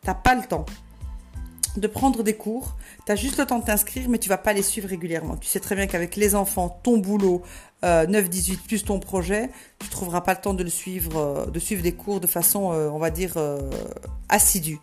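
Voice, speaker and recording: A woman's voice: mid-range voice, moderate pace, darkish tone, soft background music, natural voice. A woman voicing a confident woman coach. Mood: firm, encouraging. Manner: firm, instructing step by step.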